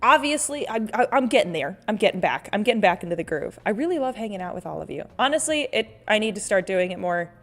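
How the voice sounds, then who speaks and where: Talking fast and hardly pausing, a mid-range-voiced woman hosts a casual livestream, her pitch swinging widely. She is an artist, chatting playfully with viewers in an exclamatory, rambling manner and frequently interrupting herself to read and react to comments.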